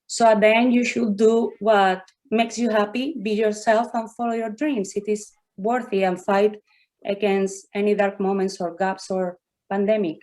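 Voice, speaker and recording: Woman, thirties, Spanish accent, careful halting phrasing, video call, mid pitch. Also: level tone, darkish tone. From southern Spain. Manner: slow, careful, non-native phrasing with filler pauses. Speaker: contestant artist. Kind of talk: presenting her work on a video call.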